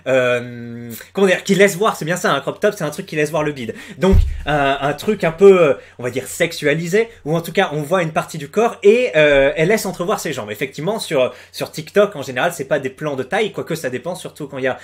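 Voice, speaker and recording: In his closed-door room at home, a young man gives laid-back commentary on a music video in a slightly high voice with lively intonation. He speaks a little fast with hardly any pauses, though he hesitates, filling gaps with fillers and restarting often.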